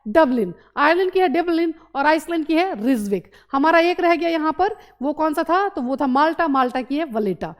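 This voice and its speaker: A woman teaching geography in Hindi, quizzing the listener with quick questions and then answering them herself. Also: high-pitched. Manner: drills by asking and answering her own questions. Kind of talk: map lesson for exam students.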